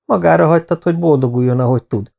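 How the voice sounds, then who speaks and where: A man voicing a stern, controlled Norman baron who speaks softly but with a hard edge, in an audiobook. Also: a little high, gravelly, muffled recording, pitched above the performer's own voice. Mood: cold. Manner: soft-spoken but hard-edged.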